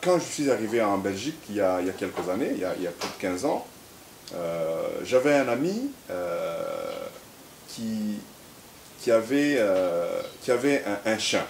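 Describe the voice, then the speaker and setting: A man from Central Africa, an interview guest who talks haltingly, repeating words, then tells stories in a measured way. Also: on the low side, sing-song. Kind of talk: reflective conversational interview. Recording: echoey room with faint hiss.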